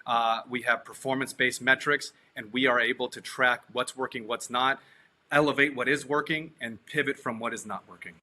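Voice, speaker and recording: Male candidate, sharp forceful voice, mid pitch, crisp policy answer. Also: steady tone. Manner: brisk, list-like policy talk. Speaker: gubernatorial candidate. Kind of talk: forum answer.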